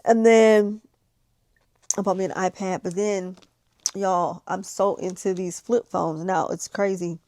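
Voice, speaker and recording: A woman's voice: medium pitch, fairly even intonation, unhurried, dark tone, no room sound. A woman chatting candidly in a confessional vlog, repeating phrases for emphasis, with the slightly slushy articulation of missing teeth. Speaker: vlogger. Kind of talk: casual confessional vlog chat. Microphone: small handheld vlogging camera.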